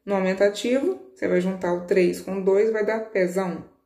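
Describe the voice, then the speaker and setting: A woman teacher patiently walking children through a worksheet, stretching key words slowly and checking in with short questions. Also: mid-range voice, steady tone, warm tone, echoey room. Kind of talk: children's lesson walkthrough.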